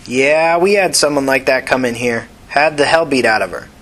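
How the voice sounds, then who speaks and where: A man's voice: medium pitch, moderate pace, fairly bright tone, pitched above the performer's own voice, close to an everyday voice. A man voicing a tired, brusque middle-aged woman nurse behind a window. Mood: curt. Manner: curt, businesslike.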